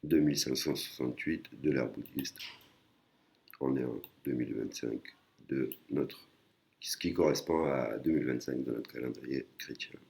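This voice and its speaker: A man with a very deep, gravelly voice teaches in a relaxed, hesitant way and keeps restarting his sentences. He explains each point patiently and adds little tag words as he goes. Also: normal speed. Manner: hesitant, many fillers and restarts. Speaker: language teacher. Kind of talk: casual screen-recorded lesson.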